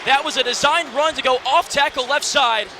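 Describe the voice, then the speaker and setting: Extremely high-pitched and at a normal pace, a male announcer in his early twenties narrates college football live on the radio. His play-by-play comes in brief, vivid, present-tense bursts, while crowd noise and loud background sound surround him.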